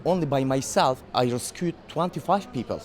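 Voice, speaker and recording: Turkish-accented man, hesitant and halting. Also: medium pitch, darkish tone. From Turkey. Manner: hesitant non-native English, many fillers and restarts. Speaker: documentary filmmaker. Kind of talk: festival interview.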